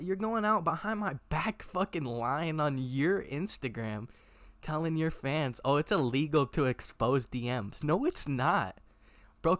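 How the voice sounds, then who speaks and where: A man's voice: mid-range voice, fairly bright tone, no room sound. A young man, a YouTuber, ranting bluntly and profanely to camera in a confrontational callout.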